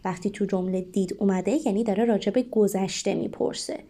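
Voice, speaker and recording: A woman teaching English phrases to learners. She reads each phrase slowly and clearly, then explains it quickly and casually, calling her viewers "kids". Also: mid-range voice, fairly even intonation, dark tone. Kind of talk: language lesson, reading phrases slowly then translating.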